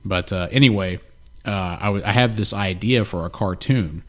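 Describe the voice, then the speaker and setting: A podcast co-host with a lowish voice speaks at normal speed, close on a studio mic with headphones. His chat is casual, laid-back, profane and rambling, and he sounds a little snotty and nasal.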